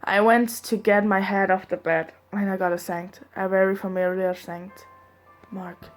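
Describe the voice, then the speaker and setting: A young woman reads fanfiction aloud in the first person at a moderate pace, her medium-pitched voice mostly flat. Faint music plays behind her, and she sometimes giggles or breaks off to joke.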